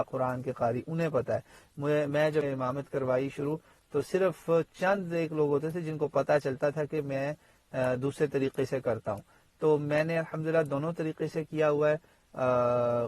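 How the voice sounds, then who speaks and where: A man's voice: mid-range voice, no room sound. Man teaching Quran pronunciation, dry. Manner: explanatory, full of fillers and asides. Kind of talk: spoken tajweed lesson.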